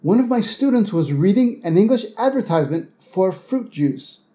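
Slowly and carefully pronouncing example words, a man narrates a scripted English pronunciation lesson in a teacher's role. His voice sits high and is expressive, with a dark tone.

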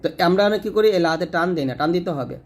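Man, from Bangladesh, recitation teacher, patient explaining, slow drawn-out reciting, slightly high voice. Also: expressive. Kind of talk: spoken lesson on correct recitation.

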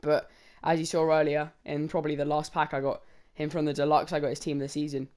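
A man giving lively, bantering commentary while opening game packs. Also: fairly high pitch, fast, clean tone. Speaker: gaming channel co-host. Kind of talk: casual pack-opening commentary.

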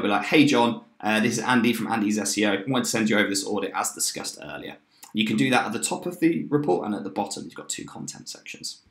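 A man in his thirties giving an upbeat, chatty screen-share walkthrough of a software tool, with fillers and quick restarts. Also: fairly low pitch. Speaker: software demo presenter. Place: indoor room, webcam in corner of screen share. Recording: roomy echo.

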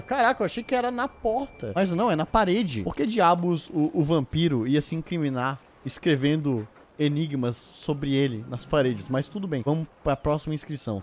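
A young man giving casual gameplay commentary, swearing often and shouting in outrage before dropping to a mutter. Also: on the high side, a little hiss or hum. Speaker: gameplay streamer.

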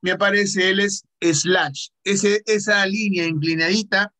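A male teacher with a Peruvian Spanish accent talks slowly through an online computer lesson. His voice is fairly high and bright, and he patiently asks questions and then answers them himself. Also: steady tone.

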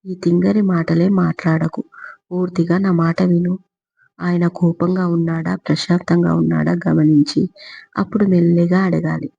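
A woman's voice: fairly low pitch, level tone, moderate pace, vocal fry, mellow, slightly rough, heavily acted. A woman voicing a blunt, bossy older grandmother who lectures and scolds, on a dull lo-fi recording. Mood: scolding.

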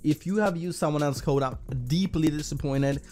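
A man's voice: fairly high pitch, normal speed, darkish tone. A man giving casual gambling commentary to his viewers as a slots streamer, in profane, slangy bro talk. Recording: music behind the voice.

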